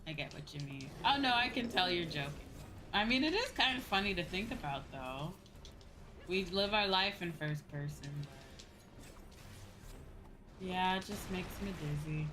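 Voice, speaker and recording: Over game music, a woman streams online games and talks informally to her viewers, swearing casually now and then. She speaks at normal speed in a fairly low, sharp voice that's expressive.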